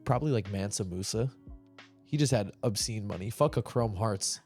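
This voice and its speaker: A man's voice: lowish voice, moderate pace, a little mellow, faint music behind. A man co-hosting a podcast in casual chat, joking and swearing with frequent laughter. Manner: joking, profane, laughs often. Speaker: podcast co-host.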